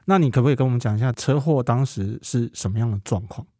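A man's voice: mid-range voice, quick pace, warm tone, no room sound, studio quality. A man with a Taiwanese Mandarin accent hosts a conversational podcast, speaking through a face mask. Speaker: podcast host.

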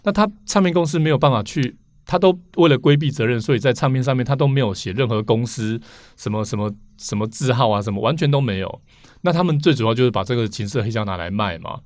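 A man's voice: mid-range voice, animated, fast, dry recording. A man with a Taiwanese Mandarin accent talks in a mid-range voice, recorded dry and close. He explains casually as an interview guest, often repeating a phrase before finishing the thought.

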